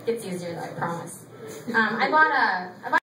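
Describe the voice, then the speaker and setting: Her voice is medium in pitch, expressive and sharp, moving at a moderate pace as this thirty-year-old stand-up tells confessional jokes at her own expense, swearing freely. Laughter rises from the audience of a small theatre, heard through a noisy, echoing recording made from afar.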